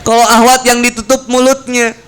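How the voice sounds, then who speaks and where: A man preaching to young people with a lilt and a strikingly high voice. He talks in a loose, slangy way and keeps acting out little voices and scenes to make his points. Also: normal speed, smooth. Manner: lively, slangy, acts out voices. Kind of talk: casual youth sermon.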